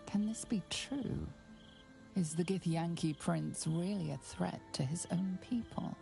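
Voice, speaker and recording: An actress playing a solemn storyteller in a fantasy video game, measured and ominous. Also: female voice, on the low side, gravelly, warm tone, faint music behind. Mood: grave, ominous. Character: solemn omniscient woman narrator of a dark fantasy tale. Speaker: narrator. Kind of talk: scripted dramatic game narration.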